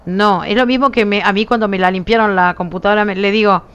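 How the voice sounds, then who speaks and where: A woman's voice: mid-range voice, steady tone, quick pace, fairly bright tone, smooth. A woman with a Uruguayan accent, chatting casually with her viewers as a streamer, emphatic and insistent, her voice nearly gone. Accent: Uruguayan Spanish. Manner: emphatic, talks with her hands in her voice, frequent "¿viste?". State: nearly lost voice.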